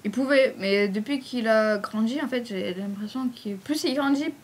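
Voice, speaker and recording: A woman's voice: on the high side, normal speed, slightly rough. Chatty woman with a southern French accent. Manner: chatty, rambling, frequent fillers. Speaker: fan page admin answering questions. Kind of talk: casual Q&A vlog.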